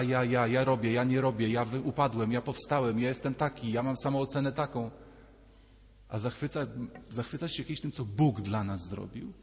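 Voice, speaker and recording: Guy preaching in a big echoey church, chatty, does little voices for the people in his stories. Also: mid-range voice. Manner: conversational, acting out quoted voices. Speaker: priest. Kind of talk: sermon. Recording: reverberant church hall.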